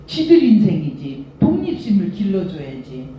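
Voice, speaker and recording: An older woman pastor delivers a revival sermon, leaping up and down in pitch as she acts out the people in her stories. Her voice rings through a very echoey church hall, and the sound is a little dull. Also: moderate pace, a little hiss or hum. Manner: animated storytelling, acts out quoted voices. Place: church sanctuary.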